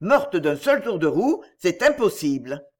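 A man reading aloud, voicing a cruel Roman judge who shouts in exasperation. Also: high-pitched, sing-song, measured pace, exaggerated voice. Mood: furious.

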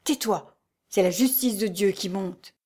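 Woman reader doing a calm stern monk guy, slow commanding voice. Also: mid-range voice. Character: calm commanding disguised male monk-captain.

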